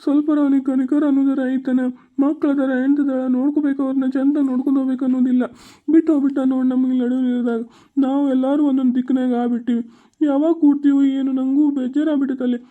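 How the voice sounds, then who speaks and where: A woman's voice: high-pitched, flat delivery, fast, natural voice. Woman playing a plaintive hostel schoolboy. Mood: pleading. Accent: North Karnataka Kannada. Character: young schoolboy living away at a hostel. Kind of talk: family drama acting. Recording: muffled lo-fi recording.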